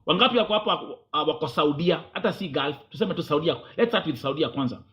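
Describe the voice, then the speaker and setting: Speaking with a Kenyan accent, a man interviews a guest in front of a live audience, pushing hard and repeating himself whenever he wants to hold the floor. His voice is fairly high and fairly bright, fast, with lively intonation.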